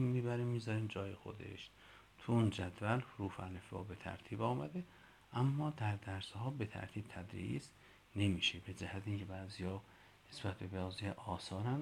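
Gravelly low-voiced male teacher trainer. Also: a little hiss or hum. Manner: patient, spells sounds and repeats lists slowly. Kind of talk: instructional talk to teachers.

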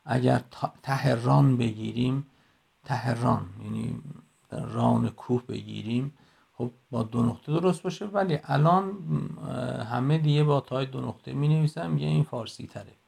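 A man, middle-aged, teaching a class in a recorded voice message on a phone, explaining slowly and going through examples one by one. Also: mid-range voice, creaky, darkish tone, husky. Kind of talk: recorded lecture.

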